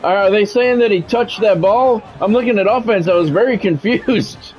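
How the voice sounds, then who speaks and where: An American man hosts a game livestream, chatting casually and bluntly between bits of play-by-play commentary. His voice sits high with a darkish tone at normal speed, and the lo-fi recording sounds dull, with music behind him.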